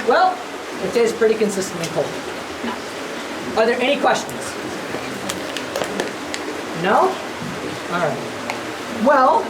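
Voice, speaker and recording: A fairly high-voiced woman leads a tour inside a cave, upbeat and joking with her group. Her voice rings with strong cave echo from a distance, with steady noise underneath. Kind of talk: guided tour talk. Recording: echoey cave, distant mic, background noise.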